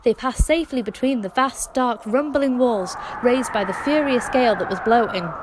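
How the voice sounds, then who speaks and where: A woman narrating a children's Bible story with dramatic, expressive delivery. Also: fairly high pitch, moderate pace, background noise.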